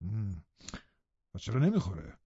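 A man voices a harsh middle-aged landowner who speaks of those around him with cold contempt and pride. The tone is dark and mellow, and the dry, dull lo-fi recording keeps everything close and muffled. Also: on the low side, wildly swooping pitch, husky, dry recording, pitched below the performer's own voice, exaggerated voice. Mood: irritated. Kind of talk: audiobook character reading.

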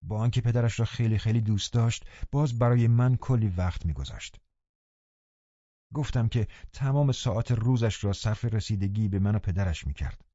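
A man narrating a novel in a calm, measured way, his voice dark and mellow. The sound is dry and close, slightly dull and muffled. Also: lowish voice, dry recording. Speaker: audiobook narrator. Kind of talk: scripted narration.

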